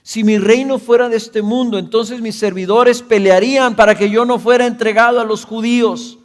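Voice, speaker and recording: A man reading the words of a calm man on trial in a scripture reading, in a measured, solemn way. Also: extremely high pitch, voice pushed up.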